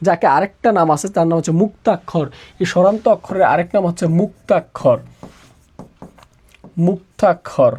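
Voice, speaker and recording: A man teaching a live online exam-prep class who repeats each question and answer again and again, pushing students to answer quickly. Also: sits high, darkish tone, breathy edge. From Bangladesh. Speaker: admission exam tutor.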